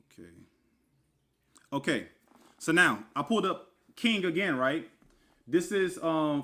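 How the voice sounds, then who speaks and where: This man's voice sits on the high side and has a fairly bright tone. He is a religious teacher giving a laid-back online lesson with screen share, spelling scripture words letter by letter as he explains them. Frequent fillers and asides mark his informal style, and he calls the listener brother.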